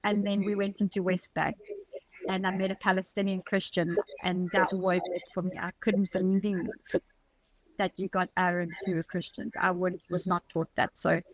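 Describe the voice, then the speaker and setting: A woman from South Africa with a South African accent, a podcast guest telling a personal story in an earnest, reflective way with short halting phrases. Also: lowish voice, level tone, no echo, rough recording.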